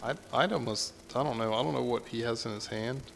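A man's voice: mid-range voice, a little fast, vocal fry, a bit bright, slight background noise. A man commentating a card-game match, casual and musing, often trailing off and restarting a thought. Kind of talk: esports play-by-play commentary.

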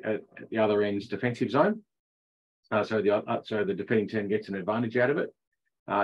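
This middle-aged man has a husky, mid-range voice. He coaches ice hockey in a chatty online session, explaining the rules and laughing at his own jokes, over dull lo-fi video call audio.

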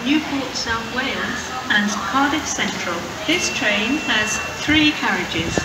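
A woman's recorded announcement slowly listing the train's calling points in a measured, evenly spaced voice. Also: lively intonation. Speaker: automated station announcer. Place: inside a moving passenger train. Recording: distant echoey speaker over loud train noise. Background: loud train rumble.

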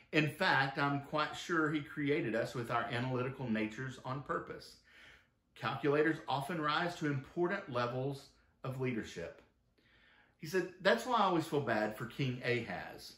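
A pastor preaches a sermon in a church sanctuary, reading long quoted passages aloud from a book. His voice is mid-range and the sound is roomy.

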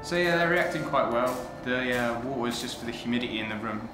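A man's voice: mid-range voice, fast, over music. A young man, an animal care worker, casually and a little hesitantly explaining his work in a small indoor room. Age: young adult. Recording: echoey room, loud equipment hum.

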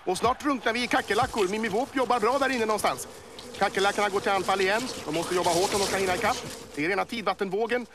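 A man voicing an excitable male boa snake who commentates a cartoon sports match, working up to yells at the goals. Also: high voice, background noise. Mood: excited. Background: music.

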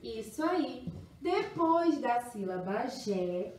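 A woman's voice: fairly high pitch, very animated, takes it slowly, darkish tone. A woman teaching young children letters in an exaggerated, singsong, encouraging way. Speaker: kindergarten teacher. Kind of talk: children's phonics lesson. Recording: echoey room, mic at a distance.

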